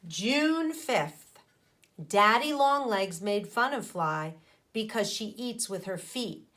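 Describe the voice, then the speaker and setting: This woman's voice sits at a medium pitch, slightly bright, with animated intonation. As an elementary school teacher reading a children's book to the class, she breaks in didactically with explanations and questions for the kids.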